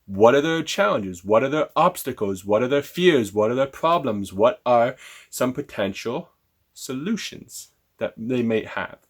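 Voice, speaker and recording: Casting: male sales trainer, energetic, asks rhetorical questions, role-plays calls. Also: medium pitch, unhurried. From Canada. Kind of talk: direct-to-camera sales lesson.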